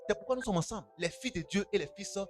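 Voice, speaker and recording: A man with an Ivorian French accent preaching a sermon in church, animated, calling out to the congregation and acting out the people he quotes. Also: high-pitched, rapid-fire, faint music behind. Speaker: pastor.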